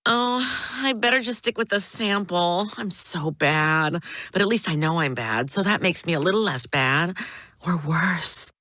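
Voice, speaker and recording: Cartoon lady grabbing free samples, guilty self-mocking, bright dry voice. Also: lowish voice, lively intonation, measured pace, no room sound. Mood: sheepish. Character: indulgent woman sneaking cookie samples.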